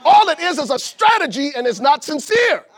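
A preacher from Liberia delivers a sermon with a high voice. He builds his points with rising emphasis and at times shouts them out to the congregation. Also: sing-song, moderate pace. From Liberia, West Africa. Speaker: pastor.

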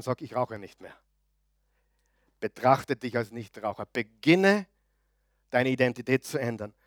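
Male pastor, mid-pitched and emphatic, loud-then-soft preaching, dry close sound. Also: no room sound. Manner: emphatic, swings between loud declarations and quiet asides; asks the audience frequent questions. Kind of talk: sermon.

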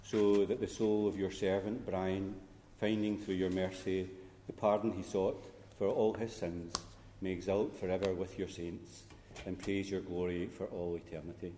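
A priest celebrating a funeral Mass recites liturgical prayers in a very low, mellow, level voice, measured and solemn. His words roll into a long cathedral echo that lingers in the large church, over a faint room hum.

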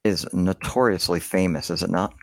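A man's voice: sits low, fairly even intonation, normal speed, gravelly, no echo, studio quality. A man co-hosting a casual podcast, tossing in wry jokes. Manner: joking, wry asides. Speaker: podcast co-host.

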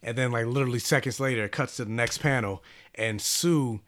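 A man in relaxed podcast chat, recapping a comic issue with plenty of "uh"s, "like"s and restarts. His voice is bright and forward, at an ordinary mid pitch. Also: brisk. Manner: rambling, with many fillers and restarts. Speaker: podcast host reviewing comics.

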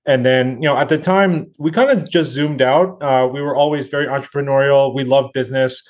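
Man, 30s, interview guest, relaxed storytelling, medium pitch. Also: brisk. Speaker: restaurant co-founder.

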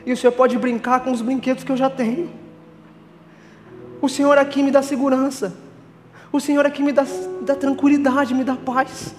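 A man's voice: extremely high pitch, level tone, moderate pace, long pauses, a little hiss or hum. A man voicing a trusting younger daughter who tenderly reassures her father in a sermon illustration. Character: gentle trusting little girl, younger daughter. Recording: long reverb, faint music.

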